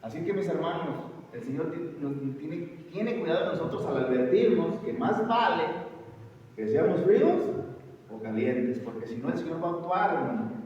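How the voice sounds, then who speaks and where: Emphatic male preacher, fairly high voice, recorded from afar in a long-reverb church hall. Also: expressive, normal speed, darkish tone. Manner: emphatic, asks the congregation questions, repeats "hermano". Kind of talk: sermon. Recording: echoey hall, distant mic, muffled and noisy.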